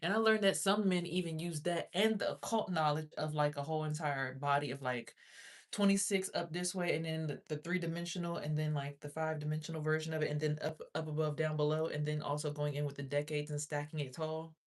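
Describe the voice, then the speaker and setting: Her voice sits low and raspy, with fairly even intonation and a slightly quick pace. She's a young woman chatting loosely on a livestream, wandering through spiritual topics and swearing without restraint.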